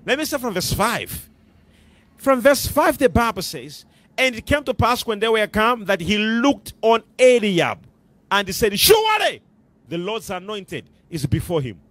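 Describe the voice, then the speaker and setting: A man's voice: sits high, a bit bright. A middle-aged man with a Malawian accent preaching a sermon on a church stage into a handheld mic, emphatic and repeating his phrases. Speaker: pastor.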